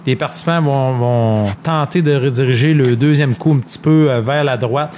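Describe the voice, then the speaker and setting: A man's voice: medium pitch, moderate pace, darkish tone. A man giving unscripted golf analysis as co-commentator, hesitantly searching for his words. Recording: clear background noise.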